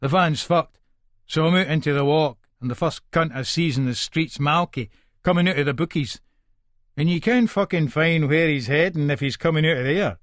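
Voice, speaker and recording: A slightly high male voice at a moderate pace with a fairly bright tone, recorded cleanly in a studio with no echo and sounding natural. An actor voices a short-tempered, foul-mouthed Scottish hard man, narrating an audiobook in the first person with aggressive, colloquial Edinburgh speech. The dramatic delivery comes across irritable and scornful.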